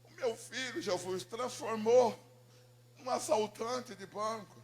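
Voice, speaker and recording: A man's voice: very high-pitched, takes it slowly, a little hiss or hum, voice pushed up. A man voicing a frail elderly mother who prays desperately for her lost son, her pleading rising to cries. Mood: pleading prayer.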